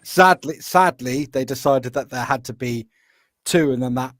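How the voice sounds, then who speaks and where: A man's voice: medium pitch, normal speed, fairly bright tone, no echo, studio quality. A man chatting casually on a live stream, enthusiastic and self-deprecating. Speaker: guest content creator.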